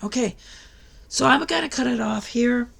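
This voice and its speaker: A woman's voice: fairly high pitch, normal speed, vocal fry, fairly bright tone, slightly rough. A tired woman hosting a crafting channel, talking casually to her viewers late at night. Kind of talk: casual tutorial talk to viewers.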